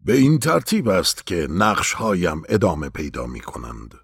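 A man voicing a calm, mysterious old man who patiently explains things to a young shepherd in an audiobook story. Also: low-pitched, vocal fry, husky, no echo, clean studio sound, exaggerated voice. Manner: patient, instructive.

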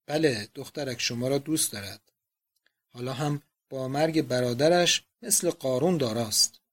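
A man's voice: medium pitch, a bit bright, natural voice. A man voicing a doting, emotional old father, speaking fervently and effusively.

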